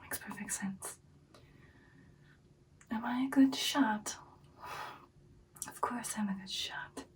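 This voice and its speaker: In an ASMR roleplay, a woman voices an ancient, self-assured vampire girlfriend, whispering breathily in a close, unhurried, matter-of-fact manner. Her voice is fairly high, the mic sounds distant, and the mood is softly confident.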